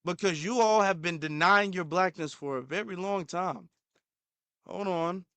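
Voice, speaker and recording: A man's voice: high voice, unhurried, fairly bright tone, clean tone, no echo. A man hosting a commentary channel, reacting to a clip in a heated, repetitive way, sometimes stumbling over his words.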